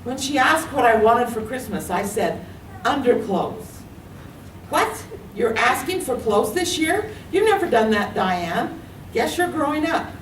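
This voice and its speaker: This older woman, an American writer, reads her own personal story expressively at a public library-room reading, her fairly high voice swinging widely in pitch at an unhurried pace. The recording is echoey, the mic distant, with faint background noise.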